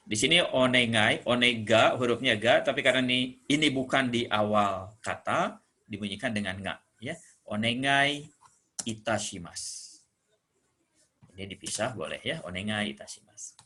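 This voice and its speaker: A man from Indonesia teaching Japanese greetings, patiently explaining and slowly repeating each phrase. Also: on the low side, bright, forceful tone, breathy edge. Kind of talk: classroom explanation.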